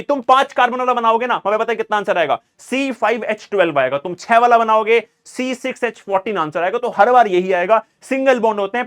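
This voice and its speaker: A man leads an exam revision lesson in a high, light voice. He talks to students like friends, repeats words as he writes on the board, and answers the questions he asks them. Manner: repeats phrases while writing, asks and answers own questions; calls students "bhai", casual. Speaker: teacher.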